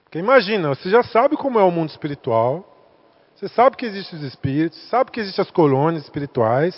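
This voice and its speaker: Brazilian man, high voice, conversational talk, questions to the room, long hall echo. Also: very animated, fast. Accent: Brazilian Portuguese. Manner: conversational, asks the audience questions. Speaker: guest speaker. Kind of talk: spiritist talk to center workers. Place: spiritist center meeting hall. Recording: echoey hall, dull lo-fi sound.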